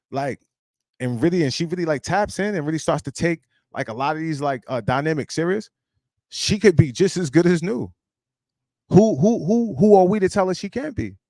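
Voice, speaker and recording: A man's voice: on the high side, creaky, darkish tone, dry recording. A man in his late thirties hosting a live stream, giving casual life advice in a blunt, emphatic, preachy way and swearing freely. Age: 30s.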